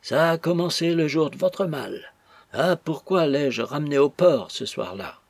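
A man voicing a henpecked sailor-philosopher who speaks low, slow and despairing. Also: expressive, vocal fry, slightly rough, no echo, exaggerated voice. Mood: gloomy despair.

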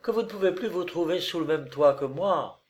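A man reading aloud and voicing a proud, wounded young noblewoman who answers in a raised, hushed, intense voice. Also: lowish voice, fairly quick, voice pushed up, close to an everyday voice. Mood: bitter.

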